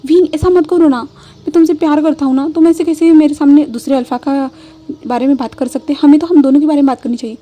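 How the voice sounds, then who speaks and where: Possessive mafia guy, smug and pushy, high soft voice, woman reading it out. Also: steady tone, quick pace, close to an everyday voice. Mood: coaxing. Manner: pleading then gloating, emphatic. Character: possessive young male mafia boss, menacing.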